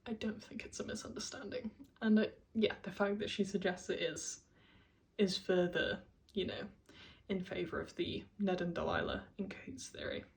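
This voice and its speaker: A woman's voice: on the low side, animated, moderate pace, creaky. A woman talking through a casual video essay, chatty, with many fillers and frequent laughs.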